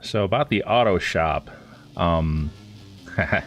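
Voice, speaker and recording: A man's voice: low-pitched, slow, faint music behind. A man giving casual, rambling live gameplay commentary as a streamer, his voice stuffy from a cold.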